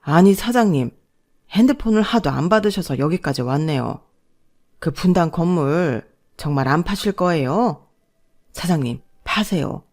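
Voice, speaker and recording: A flattering property broker in a storybook drama, voiced by a woman narrator. He keeps up an eager, pushy stream of sales talk. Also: on the low side, a little slow.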